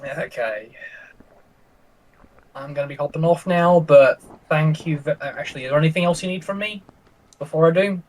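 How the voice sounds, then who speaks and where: A man's voice: on the high side, moderate pace, long pauses, a little mellow, poor audio. A man playing a tabletop game, chatting casually with the game master in an easygoing, jokey way. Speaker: player. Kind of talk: casual chat after a tabletop session.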